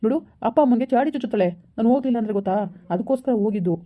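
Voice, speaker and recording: A woman's voice: on the high side, rapid-fire, phone-quality sound, close to an everyday voice. A woman plays a deceitful young married man in a village skit, coaxing and placating his girlfriend.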